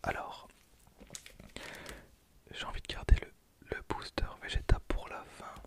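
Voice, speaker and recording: In a hushed, breathy whisper, an ASMR creator in their twenties makes casual remarks about card packs and softly repeats phrases. The pace is measured.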